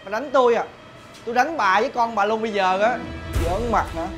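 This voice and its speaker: A man playing a greedy, smooth-talking young lover who speaks in a sly, dismissive way, with music behind. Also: high-pitched, a little fast, lightly acted. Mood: defiant. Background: background music.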